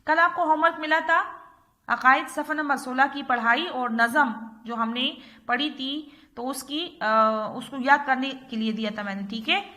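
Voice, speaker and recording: A woman teacher with an Urdu-speaking Pakistani accent leads a recorded class for small children. Her voice sits high and sounds bright and crisp. She talks patiently, checks in with the class again and again, and stretches out each sound as she drills it. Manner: patient, repeats "theek hai" often, drills letters slowly. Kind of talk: recorded online class lesson.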